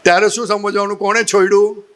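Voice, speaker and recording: A man's voice: high voice, fast talker. A man with a Gujarati accent giving a spiritual satsang talk, telling stories with humor and asking the audience questions. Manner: humorous, animated storytelling with rhetorical questions. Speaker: spiritual teacher.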